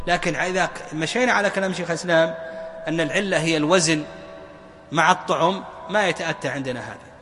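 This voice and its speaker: A man teaching a classroom lesson on religious law, quizzing his students with repeated questions and drawing key words out slowly. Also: fairly high pitch, a bit bright, long reverb tail, slight background noise. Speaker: Islamic jurisprudence teacher.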